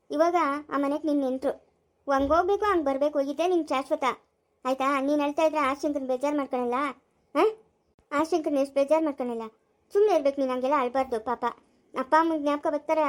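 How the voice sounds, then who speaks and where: A woman doing a gentle consoling sister-in-law. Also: high voice, natural voice. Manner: soothing, consoling. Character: kind elder sister-in-law.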